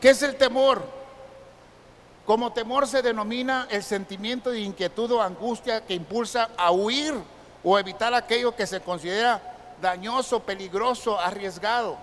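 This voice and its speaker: A man preaching from the pulpit, his voice pitched fairly high for a man. His words ring out with a long echo through a church hall, with a faint hiss under the recording. He keeps asking the congregation questions as he drives the sermon forward. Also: normal speed, a bit bright. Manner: acts out frightened crowd voices. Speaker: pastor. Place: church sanctuary.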